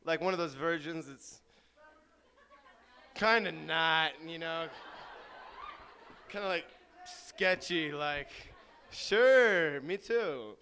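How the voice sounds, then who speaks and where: A man's voice: a little high, drawn-out words, long pauses, a little hiss or hum. A man hosting a slam night, bantering loosely to the crowd. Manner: loud and loose. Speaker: slam host. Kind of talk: emcee banter. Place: live venue.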